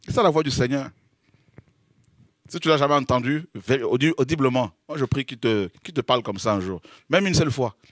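A man preaching a lively sermon, exclaiming, making dramatic sound effects and laughing between points. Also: mid-range voice, fairly quick, dry recording, clean studio sound. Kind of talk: animated sermon.

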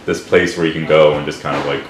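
A man from Texas with a Texan accent and a deep baritone voice, chatting casually in an interview and laughing easily. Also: level tone, quick pace, background noise. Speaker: local interviewee. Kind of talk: casual chat. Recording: echoey room with crowd chatter.

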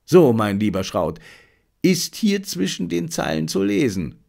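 A man's voice: a little high, big pitch swings, a little slow, gravelly, dark tone, pitched above the performer's own voice, exaggerated voice. A male audiobook narrator voicing an intense, fired-up male detective who lectures his assistant urgently. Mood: insistent.

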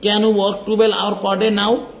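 A man conducting a job interview, asking halting questions and repeating answers back. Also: sits high, completely flat delivery, a little hiss or hum.

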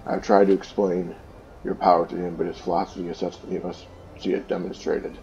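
A man's voice: low voice, level tone, brisk, creaky, a little mellow, dull audio, soft background music. A man reading the lines of an anxious priest who pleads earnestly with a goddess. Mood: pleading. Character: pleading middle-aged male priest, anxious.

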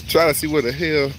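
A man vlogging live at an outdoor zoo, joking loudly in slangy banter. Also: fairly high pitch, a little hiss or hum. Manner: loud, joking, slangy banter with frequent laughs. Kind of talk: casual live vlog.

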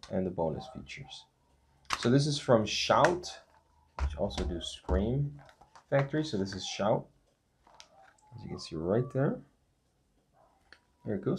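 A man in his thirties hosting a casual unboxing vlog, reading titles off with small relaxed asides. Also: mid-range voice, slight background noise. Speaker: channel host unboxing a disc set.

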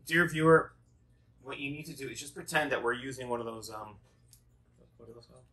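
A middle-aged man delivers card magician patter in a chatty, rambling way, slipping in tongue-in-cheek asides. His medium-pitched voice is bright and forward, though it is picked up at some distance from the microphone. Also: brisk. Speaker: magician co-host of a magic show. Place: small dark room, indoors. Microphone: phone camera set back from the table.

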